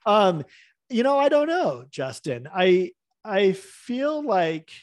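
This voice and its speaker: A man as a podcast guest, telling stories in a casual, animated way and acting out the dialogue. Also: sits high, slow pace, no echo, clean studio sound. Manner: animated, acts out quoted dialogue with laughs. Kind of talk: casual storytelling interview.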